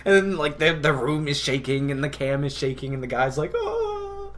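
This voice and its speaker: A man's voice: medium pitch, fairly even intonation, fairly quick, fairly bright tone. A man co-hosting a casual comedy podcast, rambling and laughing often, sometimes dropping to a mumble. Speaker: podcast co-host.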